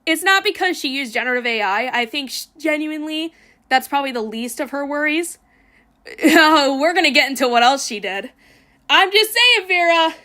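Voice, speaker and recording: A woman's voice: high voice, animated, normal speed, pushed and bright. A woman streamer giving blunt, profane reaction commentary, ranting and mocking with sarcastic mimicry.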